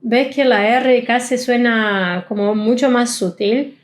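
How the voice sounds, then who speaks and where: Woman teaching, slow careful drills. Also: fairly high pitch, steady tone. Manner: repeats sounds slowly, drawn-out vowel drills. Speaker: German teacher. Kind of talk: pronunciation lesson.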